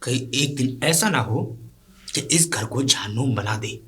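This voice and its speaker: An actor playing a proud, contemptuous landowner father who delivers slow, weighty warnings. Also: mid-range voice, animated, a bit bright. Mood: angry. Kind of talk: low-budget film drama acting.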